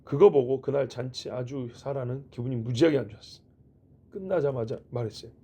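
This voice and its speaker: A man's voice: medium pitch, fairly quick, mellow, slightly rough. A middle-aged male pastor giving a sermon in a conversational way, asking rhetorical questions and making joking asides. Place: church.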